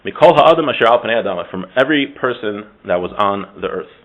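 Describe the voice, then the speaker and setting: Fairly low in pitch, with lively intonation and a fast pace, a man teaches an informal Torah lesson open to discussion. He's chatty and joking, keeps interrupting himself, and uses Hebrew terms throughout. The sound is thin and phone-like.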